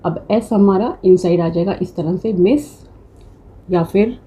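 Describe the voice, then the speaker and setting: Female tutor, young, warm mellow tone, calm step-by-step lesson delivery. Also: on the low side, moderate pace. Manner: patient step-by-step explaining, mixing English terms. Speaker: shorthand teacher. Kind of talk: classroom lecture.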